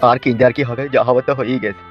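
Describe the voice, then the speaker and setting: A man acting as a wounded father in a family drama, hushing and pleading in an anxious voice. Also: mid-range voice, steady tone, very fast, dull audio, faint music behind. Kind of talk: emotional village drama acting.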